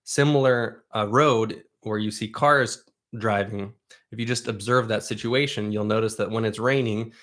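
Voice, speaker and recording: A man with a lowish, fairly bright voice hosts a livestream, answering viewer questions in casual chat. His first language is Russian and he comes from Southern Oregon, USA; his talk is loose, rambling and conversational, with frequent restarts.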